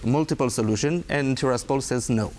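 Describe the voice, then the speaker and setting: A man's voice: medium pitch, a little fast, a little mellow, a little hiss or hum. Emphatic male guest. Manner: emphatic, pointed, rhetorical questions. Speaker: guest, former diplomat. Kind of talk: interview answers.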